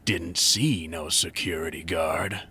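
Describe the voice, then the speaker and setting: Creepy game delivery guy: very low, husky, slow, insinuating and falsely friendly. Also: steady tone, bright, forceful tone, heavily acted. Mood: creepy, probing. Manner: insinuating, mock-friendly, breaks into whispers. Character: creepy, leering delivery man with menacing flirtation. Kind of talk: video game voice acting.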